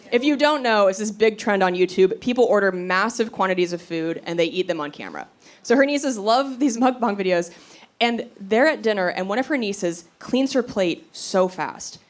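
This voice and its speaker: A woman doing a stand-up comedy routine on stage, animated, quick to laugh and swearing freely. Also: medium pitch. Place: comedy stage before a live audience. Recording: live stage recording with crowd noise.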